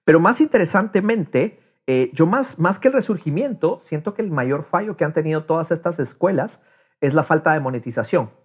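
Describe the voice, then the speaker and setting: A podcast host with a Latin American accent chats casually and expressively, often repeating words as he thinks aloud. His husky voice is a little high and a little fast, with lively intonation.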